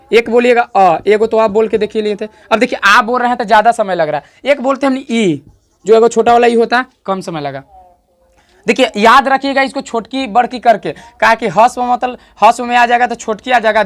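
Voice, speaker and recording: Teaching grammar online, this man has an extremely high, slightly bright voice. His lesson is repetitive, with frequent checks that students understand, and he draws out sounds to demonstrate vowel length.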